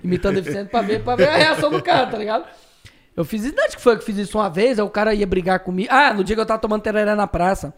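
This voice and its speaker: A man telling profane, slang-heavy anecdotes as a streamer guest in a casual podcast chat, with sudden shouted outbursts. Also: high-pitched, very fast.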